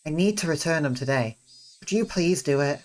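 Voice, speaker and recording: A reader voicing a hurried middle-aged mother in a visual novel, polite but brisk and slightly raised in pitch. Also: animated, darkish tone, close to an everyday voice. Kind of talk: reading a visual novel aloud.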